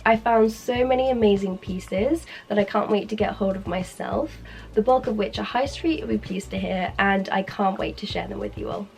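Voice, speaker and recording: A woman's voice: mid-range voice, normal speed, creaky, a little mellow. A British woman presenting a fashion guide in a chatty, informal way, her voice strained and sick-sounding from a sore throat. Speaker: fashion video creator. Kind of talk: upbeat scripted fashion guide to camera.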